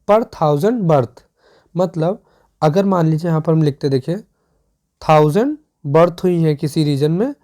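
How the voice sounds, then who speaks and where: A teacher giving a step-by-step exam revision lesson. The teacher often pauses to check that students follow. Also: mid-range voice, warm tone. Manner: explains step by step with many checks for understanding.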